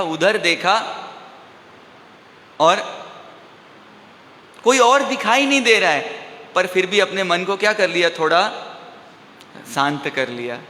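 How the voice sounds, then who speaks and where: Male preacher, high and bright, slow storytelling sermon, quizzes the crowd and answers himself, echoey hall. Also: slight background noise. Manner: asks the audience rhetorical questions and answers them himself; slow, drawn-out storytelling delivery. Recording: echoey hall with faint ambience.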